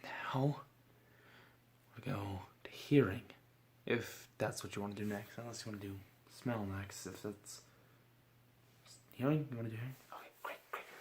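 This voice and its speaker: A man doing a gentle ASMR roleplay as a mock examiner, soft-spoken, slipping into whispers and giving slow, reassuring praise. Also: on the low side.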